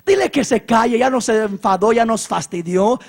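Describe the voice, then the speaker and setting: A preacher doing irritated scolding disciples. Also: male voice, extremely high pitch, moderate pace, gravelly, pitched above the performer's own voice, heavily acted. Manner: scolding, shouting.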